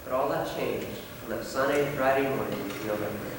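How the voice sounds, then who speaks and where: A young man playing an earnest male high school senior, giving a solemn, rousing stage speech. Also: a little fast, close to an everyday voice. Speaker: student actor. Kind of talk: stage play speech to a class. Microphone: distant room mic. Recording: echoey hall from far off, noisy.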